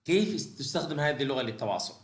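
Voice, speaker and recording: A male language teacher, giving a bilingual lecture and moving between halting English and rapid explanations full of fillers and restarts. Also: medium pitch, expressive, roomy sound.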